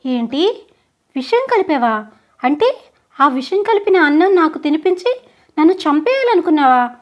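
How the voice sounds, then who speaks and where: A woman voicing an older, loving adoptive father who grows heartbroken and shouts. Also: sits high, lively intonation, moderate pace. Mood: anguished. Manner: fond, then heartbroken and shouting.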